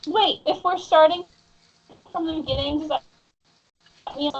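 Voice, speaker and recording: Woman player on a dropping online call; breathy, high, dull lo-fi line cutting out. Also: unhurried. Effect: online call audio cutting out. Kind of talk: playing a tabletop game over a voice call.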